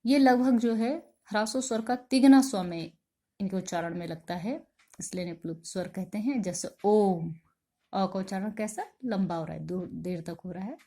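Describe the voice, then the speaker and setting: A woman teaching a Hindi grammar lesson, who asks her students questions and answers them herself and says each example sound slowly and carefully. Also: mid-range voice, dark tone. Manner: slow, deliberate pronunciation of sounds and examples.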